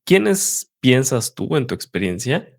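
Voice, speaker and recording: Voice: mid-range voice, big pitch swings, slow pace, creaky, no room sound, studio quality. An interviewer hosting a casual chat, asking questions and giving frequent short backchannels. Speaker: interviewer, host.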